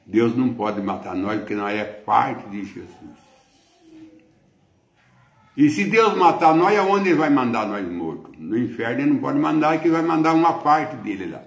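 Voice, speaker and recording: A man's voice: medium pitch, very animated, moderate pace, vocal fry, roomy sound, muffled recording. A man with a Brazilian accent preaching a sermon as pastor, emphatic and repetitive. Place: church.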